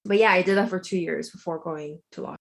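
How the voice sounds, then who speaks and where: A lawyer and health coach in her thirties, raised in South Korea, is a guest answering interview questions about how she got into law. Her speech is reflective and chatty, peppered with "like" and small restarts. She talks a little fast, with vocal fry, in a voice that sits somewhat low for a woman.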